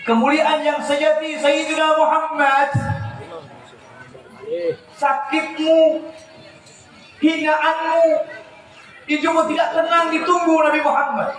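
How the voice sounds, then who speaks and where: A male preacher giving a joking, animated sermon at a religious gathering, moving from quiet asides to shouted, chanted lines. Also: very high-pitched, takes it slowly, pauses often. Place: religious celebration gathering with a large crowd. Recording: very echoey crowd sound system with background noise.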